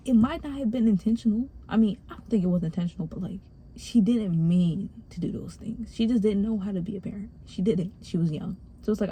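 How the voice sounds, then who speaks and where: A young adult woman talking candidly in a casual personal vlog from her parked car, speaking loosely and slipping into hushed, half-whispered asides. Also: medium pitch, a little hiss or hum. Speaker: vlogger.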